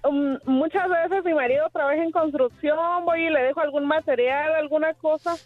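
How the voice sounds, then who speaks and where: A woman's voice: high voice, fairly even intonation, moderate pace, faint music behind. A woman from Michoacán, Mexico, calling in to a radio show and chatting about her neighborhood. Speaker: radio caller. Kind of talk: phone-in call. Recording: dull phone line.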